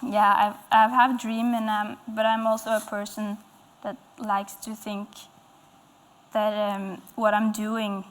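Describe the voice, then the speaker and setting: A young adult woman from Norway's west coast, a musician and guest, answers interview questions on an indoor stage framed by dark curtains. A native Norwegian speaker with a Norwegian accent, she speaks hesitantly while searching for words. Her medium-pitched voice is flat in delivery and measured in pace.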